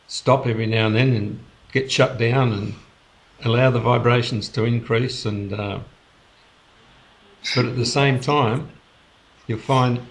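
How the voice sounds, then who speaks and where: A man of average pitch talks slowly and reflectively over a video call. He often restarts his sentences and lets small laughs slip in between his thoughts. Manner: unhurried, halting, with many restarts and soft laughs. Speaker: host of a spiritual gathering.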